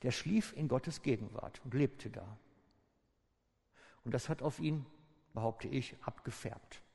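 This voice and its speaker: A male preacher speaks at a mid-range pitch in a casual, storytelling way and keeps addressing the congregation directly. His voice rings out with a long reverb from the hall. He sounds like he is talking with the room rather than reading to it. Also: measured pace, vocal fry, warm tone. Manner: conversational storytelling, retells with informal asides. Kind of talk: sermon.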